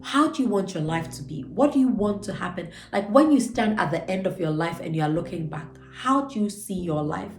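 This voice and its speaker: A woman with a cold, her voice stuffy and nasal, hosts a motivational book breakdown on her channel, stretching words to stress them and sounding earnest and encouraging. She's low-pitched, a little mellow, animated and fairly quick, barely pausing. The recording is echoey with faint music.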